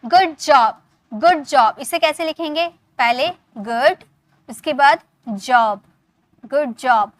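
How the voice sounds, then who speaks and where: A woman's voice: high voice, slow pace, no room sound. A woman teaching beginner English, patiently spelling out words, repeating pronunciations and quizzing the viewer. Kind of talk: spoken English lesson explained in Hindi.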